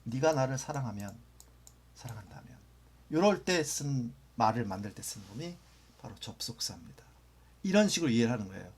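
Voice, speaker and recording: A man's voice: mid-range voice, big pitch swings, fairly quick, a little mellow, breathy edge. A man teaching English grammar in a lecture, patiently repeating phrases and sometimes dropping almost to a whisper for example sentences.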